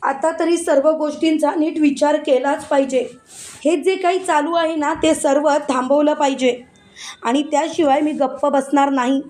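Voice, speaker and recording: Brief: high-voiced, loud, indignant young wife, read by a woman narrator, a betrayed wife in a story recap. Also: fairly even intonation, moderate pace, natural voice. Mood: furious. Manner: loud, indignant, repeating herself.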